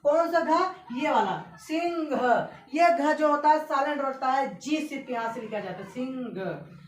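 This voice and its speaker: A woman teacher giving a classroom lesson, spelling out letters slowly and often checking that her students follow. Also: sits high. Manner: repetitive, keeps checking students understand. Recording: echoey room from far off, faint hiss.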